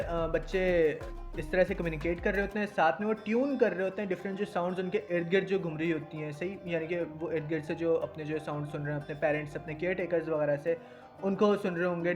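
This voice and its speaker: A man's voice: sits high, darkish tone. A young man teaching in a casual discussion, explaining step by step and often checking that listeners follow. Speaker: teacher explaining language acquisition.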